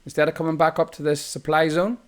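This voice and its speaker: Talking quickly in a level, slightly high voice, this Irish man explains a chart on a screen recording. He teaches trading loosely and frequently stops to fix what he's saying partway through a sentence.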